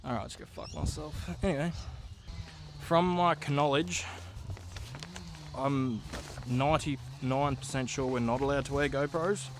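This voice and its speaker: A man's voice: mid-range voice, steady tone, measured pace. A man chatting casually to camera in a laid-back, slangy, sweary way, vlogging about his day. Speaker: vlogger, amateur motocross racer. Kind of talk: casual vlog chat, talking to camera. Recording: noisy outdoor vlog, engine and vehicle sounds.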